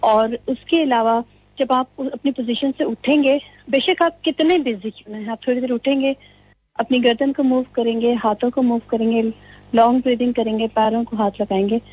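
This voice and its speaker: Phone line पर ऊँची आवाज़ वाली महिला collar. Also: female voice, a little high, steady tone, normal speed, a little mellow, slightly rough. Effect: heard over a phone line. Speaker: caller. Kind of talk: radio call-in, giving health tips.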